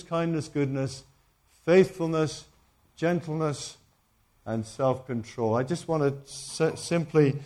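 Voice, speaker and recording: A man's voice: a little high, a little mellow. A man preaching a sermon, emphatic, repeating key phrases and often restarting his sentences.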